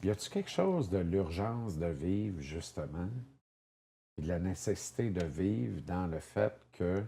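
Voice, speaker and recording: A man's voice: deep voice, expressive, measured pace, vocal fry, dark tone, slight background noise. A man with a Québécois French accent hosting a casual interview, teasing his guest and asking probing questions. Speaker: host.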